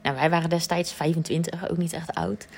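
A woman's voice: low-pitched, level tone, fairly quick, creaky. A woman in her thirties casually telling a personal story, chatty, with many fillers and English words dropped in.

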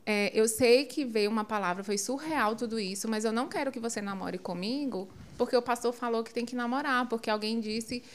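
Animated woman telling a story. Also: on the high side, a little fast, hardly any pauses. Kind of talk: casual storytelling on a podcast.

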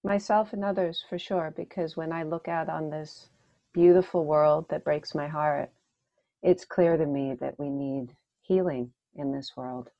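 Woman, coach, interview guest, earnest, reflective, low voice, lo-fi audio. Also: fairly even intonation, unhurried. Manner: reflective, earnest, asks "right?" often. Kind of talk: casual interview chat.

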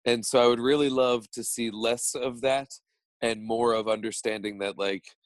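A man's voice: medium pitch, fairly even intonation, moderate pace, no echo. A man co-hosting a podcast, talking earnestly in casual chat, often restarting his sentences. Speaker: podcast co-host.

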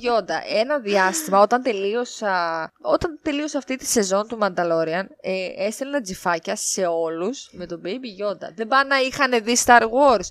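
A woman's voice: medium pitch, no echo. A young woman co-hosting a podcast, chatting casually, gushing and agreeing often. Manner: relaxed, gushing, lots of agreeing murmurs. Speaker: podcast co-host. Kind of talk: casual chat.

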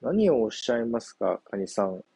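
A man's voice: mid-range voice, sing-song, moderate pace, creaky, dark tone, slightly rough, dry recording, exaggerated voice. A man voicing a hungry, sly young male monkey in a children's story, whiny and boastful.

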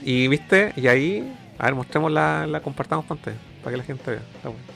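A man's voice: medium pitch, expressive, brisk, vocal fry, fairly bright tone. A Chilean man co-hosts a stream in a loose, slangy chat. He keeps restarting sentences as he gropes for words. Faint guitar music plays underneath. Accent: Chilean Spanish. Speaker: streamer co-host. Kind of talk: casual chat.

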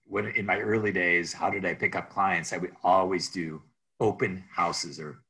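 A man who works as a real estate agent, telling rambling, animated stories about his career in an interview. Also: low-pitched, normal speed. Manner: rambling, restarts, animated anecdotes. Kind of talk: storytelling in an interview.

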